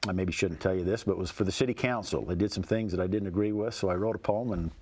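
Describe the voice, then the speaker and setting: A man's voice: deep voice, quick pace, a little mellow. A man chats casually as an interview guest, folksy and plainspoken. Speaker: interview guest, cowboy poet.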